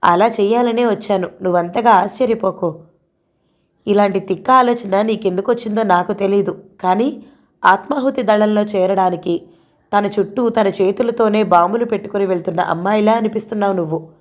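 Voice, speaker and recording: A woman voicing a calm, thoughtful young woman who reasons with her upset friend. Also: mid-range voice, moderate pace, lightly acted. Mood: reasoning. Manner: reflective, reasoning.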